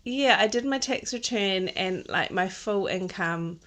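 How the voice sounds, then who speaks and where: In a relaxed interview conversation on a podcast, a woman who works as a textile designer reflects on her career, pausing with frequent ums and restarting often. She speaks at a measured pace in a mid-range voice that's a bit bright.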